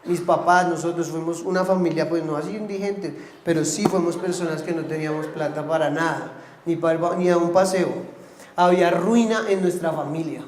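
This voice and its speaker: A man's voice: a little high, fairly even intonation, fairly quick, reverberant. A man preaching a sermon as pastor, rising to emphatic pleas. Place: church.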